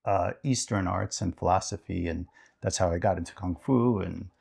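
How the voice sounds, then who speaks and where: A man's voice: sits low, normal speed, gravelly, darkish tone, husky. A middle-aged man, a podcast co-host, talking reflectively in a casual chat and thinking aloud with many fillers.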